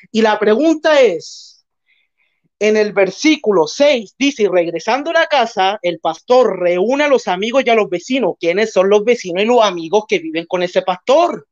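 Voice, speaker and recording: A man in an online debate, mocking and scolding, firing rhetorical questions. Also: high-pitched. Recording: dull lo-fi call audio.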